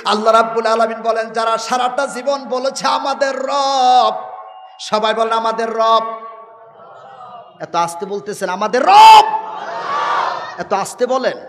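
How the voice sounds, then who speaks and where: A man's voice: very high-pitched, fairly even intonation, moderate pace, reverberant, long reverb tail. A man preaching to a gathering, calling on the crowd to answer back and chanting verses in a sung tone. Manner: call-and-response, urging crowd to shout. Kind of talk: Islamic sermon (waz).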